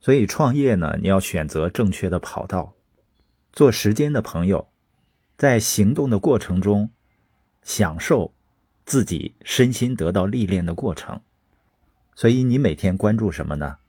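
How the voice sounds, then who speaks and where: Husky low-voiced man giving motivational talk. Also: expressive, measured pace, dark tone, dry recording, clean studio sound. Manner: earnest, persuasive, asks rhetorical questions. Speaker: business motivational speaker. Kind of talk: motivational monologue.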